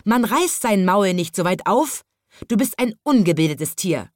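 A woman's voice: medium pitch, big pitch swings, a little slow, no room sound, studio quality. A woman voicing a huffy, snobbish male penguin in a storybook, speaking in a haughty, scolding way.

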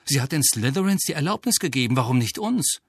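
Brief: man playing an angry teen boy, fast and low. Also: very animated, slightly rough, no room sound, clean studio sound. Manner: angry, rapid. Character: hot-tempered teenage boy.

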